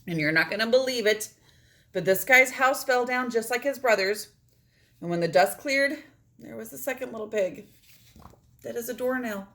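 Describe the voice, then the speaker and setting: Woman reading as animated, self-justifying storybook wolf. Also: fairly high pitch, moderate pace, long pauses. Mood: incredulous, animated. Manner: conversational, theatrically emphatic, aggrieved. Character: chatty, self-justifying male wolf, wronged storybook narrator. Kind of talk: storybook read-aloud, first-person narration.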